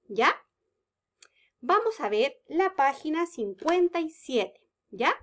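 A young woman teaches a kindergarten class in a high, bright voice. She speaks slowly and stretches each word in a gentle sing-song, the way you talk to small children.

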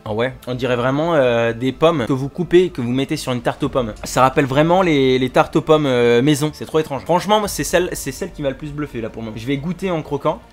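A young man hosting a casual food-tasting vlog, playful and teasing, with sudden loud whoops. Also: medium pitch, fast, few pauses, soft background music. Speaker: YouTuber host.

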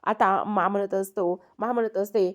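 A woman's voice: medium pitch, steady tone, moderate pace, lo-fi sound. A woman narrating a TV serial episode recap, retelling each scene step by step and reading the characters' lines aloud.

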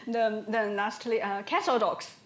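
A woman interviewer asking casual quick-fire questions. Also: medium pitch, steady tone. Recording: echoey room with clear background noise.

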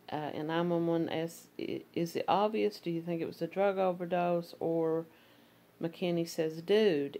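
A woman's voice: sits low, a little mellow. A woman with an Appalachian accent narrating a true crime case, reading court filings and commenting in a conversational way with fillers.

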